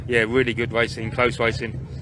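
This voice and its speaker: A man's voice: medium pitch, monotone, moderate pace, background noise. A man, out of breath after winning a race, talking modestly outdoors at the circuit. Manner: modest, laughing. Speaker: race winner. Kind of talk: post-race interview.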